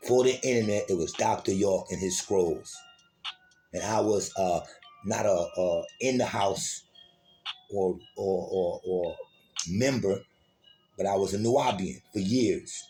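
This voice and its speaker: A man's voice: low voice, slow, dark tone, faint music behind. A man giving an informal, streetwise lecture as host of his own program, cursing freely, repeating words and calling to his listeners as y'all. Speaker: self-styled teacher of an online program.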